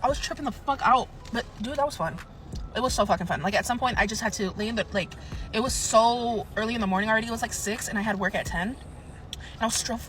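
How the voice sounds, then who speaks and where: Fast-talking profane young woman storyteller. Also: medium pitch, poor audio. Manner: profane, excitable, rapid storytelling. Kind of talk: casual storytime.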